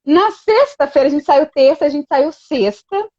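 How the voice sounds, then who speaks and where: Woman guest, high voice, chatty storyteller, dull dry lo-fi sound. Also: animated, moderate pace, dark tone, dry recording. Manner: storytelling with many quoted exchanges and frequent "né". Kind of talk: casual chat.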